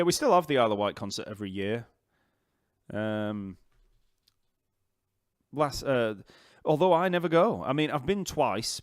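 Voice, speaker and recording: A man with a Yorkshire accent hosting a casual live-stream Q&A, chatty and rambling and quick to laugh. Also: lowish voice, dry recording, clean studio sound. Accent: Yorkshire English. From Yorkshire, England. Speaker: bass teacher and channel host. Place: home, near an island festival site.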